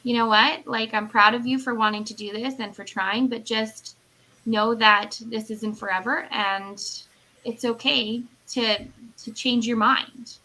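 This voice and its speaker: A woman's voice: fairly high pitch, steady tone, unhurried, sharp tone, poor audio. A woman in her late thirties chatting casually and earnestly, rambling with lots of fillers as she makes her point. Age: 30s. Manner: earnest, rambling with many "like" and "you know". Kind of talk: casual chat.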